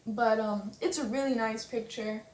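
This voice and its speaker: A woman's voice: on the high side, fairly even intonation, moderate pace, a little mellow. A young woman chatting in a casual fan vlog, gushing and full of fillers. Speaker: fan vlogger. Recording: roomy webcam audio with faint hiss.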